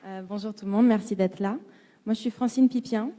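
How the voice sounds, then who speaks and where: A woman's voice: mid-range voice, steady tone, fairly quick, warm tone, a faint crowd. A woman from Senegal introducing herself on a panel, friendly and a little hesitant. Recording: long hall reverb.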